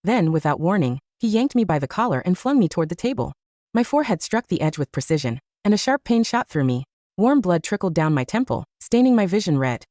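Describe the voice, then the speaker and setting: A woman narrating a first-person romance audiobook story in an expressive storytelling manner. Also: on the low side, a little fast, no room sound, studio quality.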